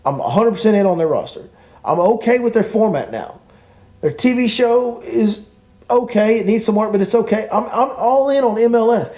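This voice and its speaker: A podcast host who also works as a fishing guide rants emphatically, repeating his points as he gives his opinion. His voice sits high, with a darkish tone, expressive delivery and moderate pace.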